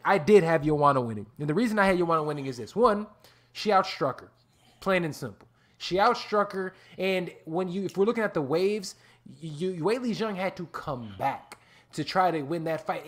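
A fairly high-voiced man hosting a fight podcast with a loose, profane energy. He swears freely and laughs easily as he talks through the year's fights. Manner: profane, excitable, laughs often. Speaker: podcast host. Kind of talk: casual roundtable chat. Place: home podcast setup.

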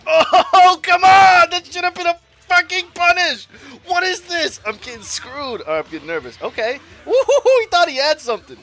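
Commenting live on his online fighting game matches, this forties-aged gaming YouTuber shifts between quiet muttering and loud shouting, laughing and cursing at both himself and his rival. His profane, self-mocking trash talk comes at a normal speed with a sing-song lilt.

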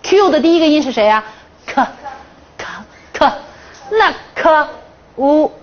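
A woman teacher with a high voice runs a phonics lesson, drilling her class through counted chants and teasing questions. She speaks at an unhurried pace. The classroom recording sounds dull and lo-fi. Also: lively intonation. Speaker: English teacher.

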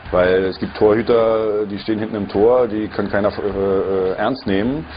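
A man's voice: lowish voice, steady tone, moderate pace, slight background noise. A man, a former footballer, telling anecdotes casually in an interview. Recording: dull broadcast audio, music behind. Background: music.

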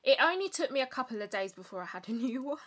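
Playful bright-voiced woman vlogger. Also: high-pitched, sing-song, quick pace. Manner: playful, dramatic asides and sudden whispers. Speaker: perfume vlogger. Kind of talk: casual chatty review to camera.

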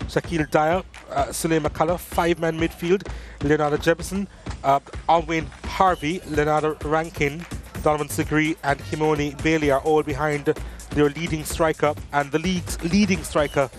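A man giving measured football commentary over match highlights, reading lineups and stats. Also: steady tone, faint music behind.

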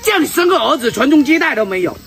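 Rural skit: bossy husband who scolds his wife, higher voice, noisy outdoor sound , played by a woman. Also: very animated, fast, a bit bright, far from the mic, full character voice. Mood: scolding. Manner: scolding, impatient. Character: harsh rural husband who abandons daughters.

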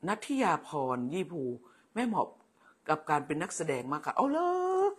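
An older woman hosts a relaxed livestream, her voice slightly husky and her pitch rising and falling with lively swings. She chats in a motherly way, calling her viewers "child" and thanking each one by name. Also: normal speed. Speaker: livestream host. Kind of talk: casual livestream chat.

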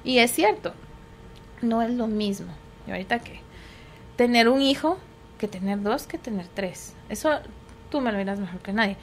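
A middle-aged woman speaks as a psychologist guest, talking in a patient, explanatory way. Her voice sits fairly high for a woman, and she keeps asking for agreement as she goes. A faint background hiss is audible under her voice. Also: expressive, moderate pace, pauses often. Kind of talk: conversational explanation.

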